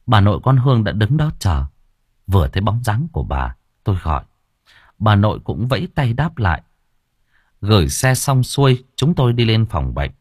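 Husky male audiobook narrator. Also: fairly low pitch, sing-song, moderate pace, a little mellow, no room sound, studio quality. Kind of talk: first-person story narration.

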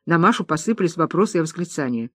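A lively storyteller reading a novel aloud, slipping into each character's dialogue as it comes. The voice sits at an ordinary middle pitch and is recorded close and dry, with no room sound around it. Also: quick pace, no echo. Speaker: audiobook narrator. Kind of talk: scripted narration.

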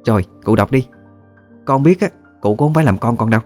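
A man voicing a lively, curious young woman with a Southern Vietnamese accent who asks quick, eager questions. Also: medium pitch, faint music behind, voice pushed up, lightly acted.

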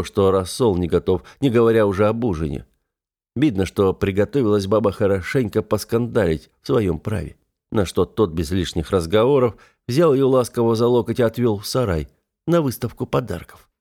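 A man reading a novel aloud as first-person narrator, measured and even. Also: lowish voice. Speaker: audiobook narrator.

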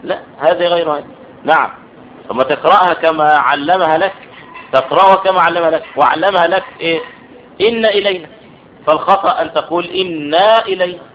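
A man's voice: a little high, slight background noise. Egyptian man teaching, lo-fi classroom recording. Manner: explanatory, checks understanding with quick questions. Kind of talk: classroom grammar lesson.

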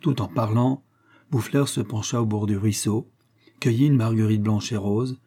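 A man reading a story aloud in a measured, gentle narration. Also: lowish voice, steady tone, husky. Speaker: audiobook reader. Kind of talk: scripted narration.

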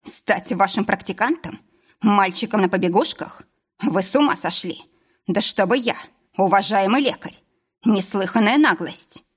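A woman's voice: medium pitch, animated, normal speed, slightly rough. A woman voicing a proud, bitter male healer who hisses his words through clenched teeth, in an audiobook. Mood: outraged. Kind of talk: audiobook character voice.

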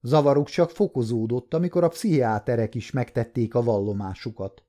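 A man narrating a short story as an audiobook reader, with a measured delivery. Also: medium pitch, warm tone.

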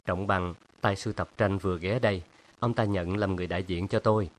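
A man's voice: low voice, steady tone, a little fast, lightly acted. Moody young painter, read by a male narrator.

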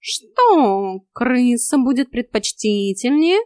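Woman doing a cheeky tomcat, very high and loud, teasing drill-coach manner, dry close sound. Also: animated, a little slow, no room sound. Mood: sly. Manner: teasing, bossy drill-instructor banter. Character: cheeky male talking cat, mocking coach. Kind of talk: audiobook character voice.

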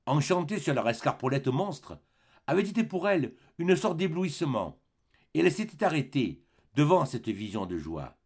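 Husky guy reading an old novel out loud, voice goes up and down a lot. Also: mid-range voice. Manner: expressive, dramatic reading. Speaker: audiobook reader. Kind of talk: scripted narration.

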